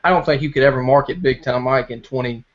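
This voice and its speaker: A man's voice: medium pitch, quick pace. A young man appearing as a podcast guest, outspoken and brash in casual chat. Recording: dull lo-fi sound.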